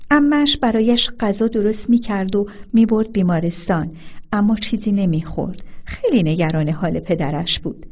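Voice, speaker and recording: Woman narrator, mid-pitched, steady book reading; phone-like band. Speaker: audiobook reader. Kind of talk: scripted narration. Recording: phone-like narrow sound.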